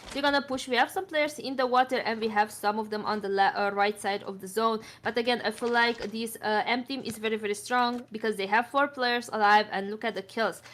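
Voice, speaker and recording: A woman with a slightly higher voice gives color commentary on an esports match. She is just getting over an illness and talks in a loose, chatty way with plenty of fillers. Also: background noise. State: recovering from illness, coughing. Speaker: esports co-caster.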